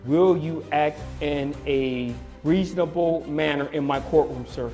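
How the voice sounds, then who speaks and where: A man with a fairly high voice presides over a courtroom. He questions people formally and firmly, with faint music behind. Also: measured pace, mellow. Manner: formal, firm. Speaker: TV court judge.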